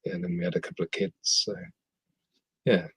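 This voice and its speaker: This podcast guest is a middle-aged Englishman, not a Scot, from the West Midlands, chatting casually in an interview. He talks a little fast in a low, steady voice with a breathy edge, often stumbling over ums and starting sentences again.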